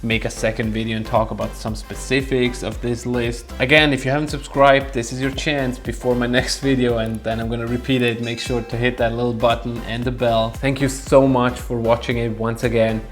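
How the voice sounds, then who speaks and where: A young man from Switzerland talks casually to his viewers in a mid-pitched voice, weighing his words and hesitating now and then. He chuckles often, and faint music plays softly behind him. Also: level tone, brisk, hardly any pauses. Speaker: vlogger. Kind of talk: casual chat to camera.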